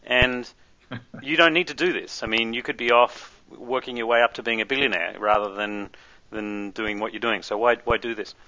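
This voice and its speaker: Bright-voiced interviewer from Australia, lo-fi sound. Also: male voice, mid-range voice, steady tone, moderate pace. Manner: curious, direct questions. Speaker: interviewer, host. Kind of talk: casual interview.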